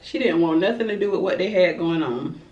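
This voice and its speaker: A woman's voice: on the low side, a little fast, a little mellow. Chatty woman telling a story. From Florida, USA. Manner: chatty, dramatic gossip with asides to viewers. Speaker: mukbang vlogger. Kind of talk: storytime while eating. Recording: roomy, distant, dull-sounding home recording.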